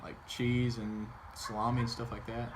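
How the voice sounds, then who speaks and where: A man's voice: medium pitch, little pitch movement, moderate pace, background noise. A man giving a casual interview answer in a hesitant, easygoing way.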